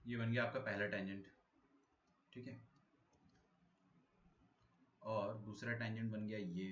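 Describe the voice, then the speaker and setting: A man's voice: on the low side, flat delivery. Man teaching a live maths class. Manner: explains slowly, checks students understand. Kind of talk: live online lecture. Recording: echoey room, dull lo-fi audio.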